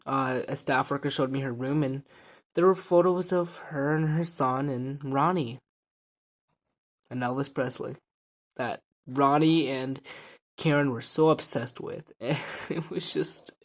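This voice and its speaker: A man speaks to his viewers in a soft, subdued voice, pausing and trailing off as he tells a personal story. His pitch sits in an ordinary middle range. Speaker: vlogger.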